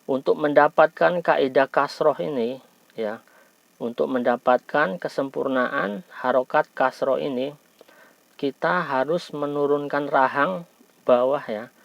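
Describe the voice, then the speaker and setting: Gravelly Indonesian man, carefully over-enunciating. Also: medium pitch, no echo, lo-fi sound. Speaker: Quran recitation teacher. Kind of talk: instructional tajwid lesson.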